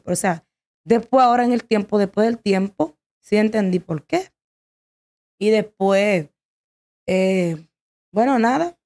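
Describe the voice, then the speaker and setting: Emotional woman giving a halting testimony. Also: medium pitch, gravelly, darkish tone. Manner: halting, emotional, with many restarts. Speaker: guest sharing a testimony.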